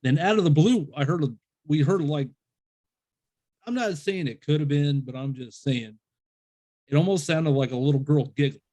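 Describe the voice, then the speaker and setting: A man's voice: on the high side, normal speed, warm tone. A man hosting a casual interview, rambling through stories and acting out what people said. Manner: rambling storyteller, acts out quoted voices. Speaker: podcast host.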